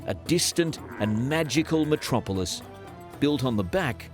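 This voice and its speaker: Lively male documentary narrator over music. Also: mid-range voice, moderate pace.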